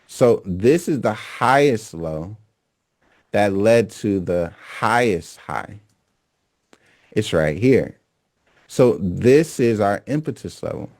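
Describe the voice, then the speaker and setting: Low-voiced guy explaining trading charts, keeps saying okay? right?, repeats stuff for emphasis, dry sound. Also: a little mellow, dry recording. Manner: emphatic, repeats key phrases, many "okay?" and "right?" check-ins. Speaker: trading instructor. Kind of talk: recorded lesson on chart analysis.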